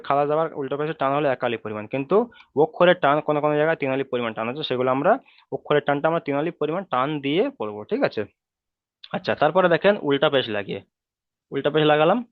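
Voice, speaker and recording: স্পষ্ট কণ্ঠের পুরুষ শিক্ষক, অনলাইন ক্লাসে. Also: male voice, on the high side, no echo. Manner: patient, repeats rules and drills letters slowly. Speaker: Quran reading teacher. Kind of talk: online class instruction. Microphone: video call. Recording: tinny phone-like online call audio.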